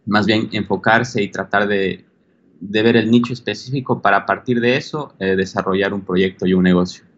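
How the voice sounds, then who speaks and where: Male consultant from Ecuador, lower voice, halting delivery, lo-fi audio. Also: fairly bright tone. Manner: hesitant, many fillers and restarts. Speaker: business consultant. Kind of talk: interview answers.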